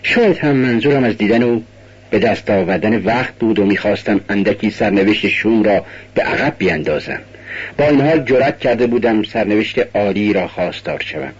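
Radio-play role: a man playing a feverish, guilt-torn young man, husky, on a dull lo-fi recording. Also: fairly low pitch. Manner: agitated, bitter outbursts.

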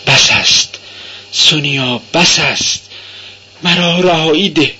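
A man's voice: medium pitch, animated, sharp tone, husky, voice pushed up, low-quality recording. A man voicing an anguished, guilt-ridden young man who pleads in a strained voice. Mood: pleading.

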